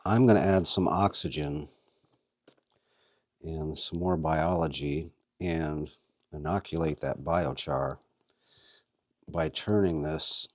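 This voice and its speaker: A man's voice: a bass voice, slow, long pauses, no room sound, studio quality. A man hosting a casual how-to video, chatting as he works and talking to his worms. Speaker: vlog host and worm farmer.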